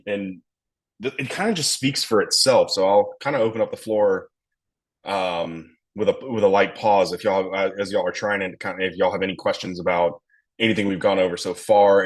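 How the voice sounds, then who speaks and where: A young man, a distillery blender talking through a tasting in a rambling, enthusiastic way. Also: on the low side. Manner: rambling, enthusiastic, lots of fillers. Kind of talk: casual tasting talk.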